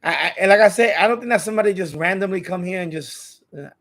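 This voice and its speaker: A man with a high, somewhat bright voice talks quickly while hosting a casual live stream on a radio hobby channel. His chat with viewers is informal and rambling, with lots of repeated phrases.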